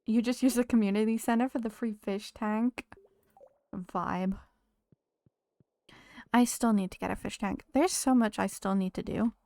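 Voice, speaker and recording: Her fairly high, mellow voice stays steady and unhurried, with frequent pauses, as she plays a game live and chats casually with viewers despite losing her voice. She greets people and talks to the game characters, and there's no echo.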